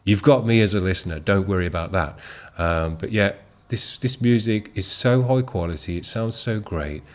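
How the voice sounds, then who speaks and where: Rambling enthusiastic man, low voice. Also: moderate pace. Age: 30s. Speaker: music channel host. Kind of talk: casual chat.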